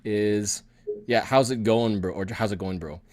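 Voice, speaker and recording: A man's voice: on the low side, unhurried, darkish tone, slight background noise. A man with a Canadian accent hosting a casual livestream chat, jovial and often chuckling as he talks. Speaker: livestream host.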